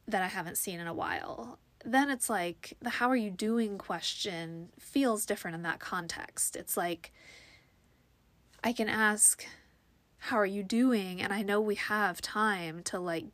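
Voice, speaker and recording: A young woman hosts her own solo podcast, rambling casually through a monologue with lots of fillers and restarts. She sounds a little sniffly from allergies. Her voice is medium-pitched and the recording has no echo.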